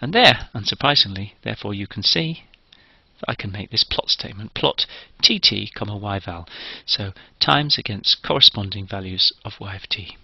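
A man's voice: fairly low pitch, expressive, normal speed, vocal fry, sharp tone, slightly rough, no room sound, highs cut off. A man giving a recorded engineering lecture, explaining each step methodically.

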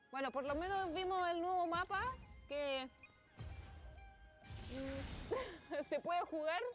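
Young Chilean woman, high pitch, playful gaming-stream host over faint music. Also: fairly bright tone. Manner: chatty, playful, exclaims and laughs while playing. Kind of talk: casual gaming stream chat.

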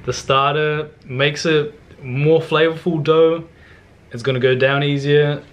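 A man's voice: fairly high pitch, steady tone, a little slow. A young man casually talking through a bread recipe in his home kitchen, laid-back and slangy, picked up by the camera mic. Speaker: cooking vlogger. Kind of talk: casual cooking demonstration.

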